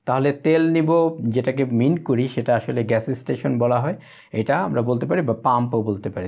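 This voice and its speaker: Guy teaching english, mid pitch, says the example phrases real slow for practice. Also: a little mellow. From Bangladesh. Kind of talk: spoken English lesson.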